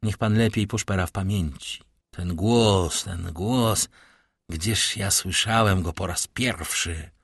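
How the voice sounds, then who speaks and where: A sombre, vengeful count, as a man reads him, slow and heavy, with a low, husky voice. Each word is measured and cold, and the sound is dry and close. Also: fairly bright tone, dry recording, exaggerated voice. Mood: accusing.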